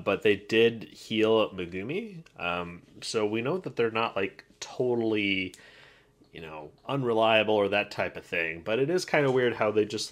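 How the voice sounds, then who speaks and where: Chatty man with a low voice. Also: fairly bright tone. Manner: laughs often, rambling with fillers and restarts. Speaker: podcast co-host. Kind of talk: casual chat.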